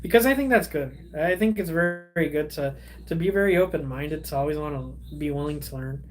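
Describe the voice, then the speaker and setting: A young Spanish-speaking man hosts a casual livestream, chatting with viewers in a rambling, halting manner full of fillers and restarts. His voice is fairly high-pitched and expressive.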